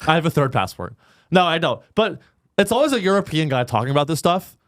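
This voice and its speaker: A man hosting a podcast, joking crudely and sarcastically in casual chat, often jumping into a high mocking pitch. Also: very animated, fast, dry recording, clean studio sound. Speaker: podcast host.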